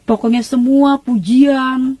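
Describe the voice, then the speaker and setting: A woman giving a personal faith testimony, retelling her story in an emotional, animated, colloquial way. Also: sits high, takes it slowly, dry recording.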